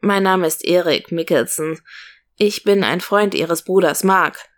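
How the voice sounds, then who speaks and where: A courteous male stranger speaks in a formal, gently reassuring way, as a woman reading a story acts him out. The voice stays near the storyteller's own, polite and composed. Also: on the low side, a little slow, lightly acted.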